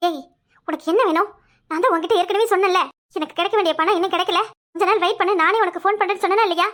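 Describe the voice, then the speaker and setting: A woman voicing a scheming young wife in a cartoon, with a Kanyakumari Tamil accent and a shrill, flustered way of talking. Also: racing, fairly bright tone. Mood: defiant. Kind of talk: cartoon voice acting.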